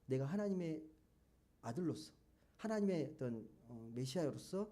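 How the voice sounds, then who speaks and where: A man's voice: on the high side, lively intonation, normal speed, dark tone. A male pastor giving a sermon, speaking conversationally and asking the congregation many questions. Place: church sanctuary.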